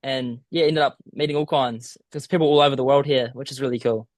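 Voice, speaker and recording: A young man talks in a thick Kiwi accent from the south of New Zealand. His mid-pitched voice sits in a dry, close recording. He answers casually and thoughtfully, feeling his way through each idea. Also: fairly even intonation, brisk, dry recording. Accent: broad southern New Zealand. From small town in southern New Zealand. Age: young adult. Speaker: podcast guest, student abroad. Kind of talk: casual interview.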